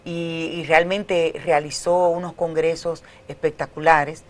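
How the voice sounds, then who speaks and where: A woman's voice: low-pitched, little pitch movement, measured pace, slight background noise. A middle-aged woman with a Dominican Caribbean Spanish accent, explaining things as an academic guest in a conversational interview.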